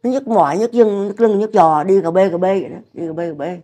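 An older woman speaks quickly in a rambling, pleading way. She repeats herself often. She is a mother-in-law being interviewed at home. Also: medium pitch, mellow. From Vietnam.

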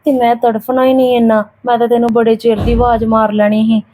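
A woman playing a sickly, put-upon young aunt who talks softly and wearily to a child in an amateur family drama. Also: fairly high pitch, little pitch movement, fast talker, lightly acted. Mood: relieved.

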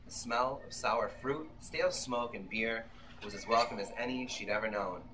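In a small indoor bookshop, an author in middle age gives a dramatic, measured reading from his novel to seated listeners, tense like a vintage radio drama. His voice sits in the mid range, and violin accompaniment runs underneath. Someone in the audience filmed it on a camera a few metres off, leaving a noisy background.

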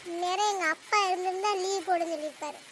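A woman's voice: extremely high pitch, quick pace, fairly bright tone, a little hiss or hum. A woman voicing a sulky teenage college girl in a cartoon who whines and pleads for a day off. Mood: whiny.

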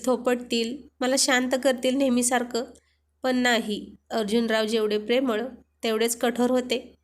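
A woman storyteller reading a romantic story aloud in an expressive, steady scripted narration. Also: on the high side.

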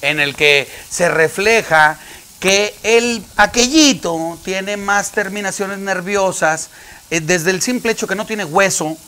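A man voicing a formal male doctor with a Mexican accent, speaking in a measured, mock-formal way. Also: a little high, lively intonation, bright, forceful tone, pitched above the performer's own voice. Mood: solemn reassurance. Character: calm, formal male doctor explaining a procedure.

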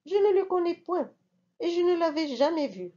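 A woman's voice: extremely high pitch, expressive, moderate pace, dark tone, lo-fi sound, voice pushed up. A woman voicing a frightened male merchant who pleads for his life in a trembling manner. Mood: pleading.

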